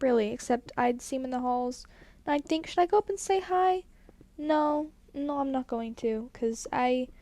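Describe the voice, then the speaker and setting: A teenage girl vlogger with a high-pitched, dark-toned voice tells a story in casual chat, rambling and using "like" constantly. She sounds slightly congested from a cold, in a dry recording.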